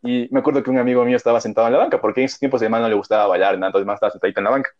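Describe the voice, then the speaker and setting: A man's voice: medium pitch, fairly even intonation, racing. A young man, telling a story in casual chat, rambling and full of slang and fillers. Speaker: podcast co-host. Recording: dull lo-fi audio.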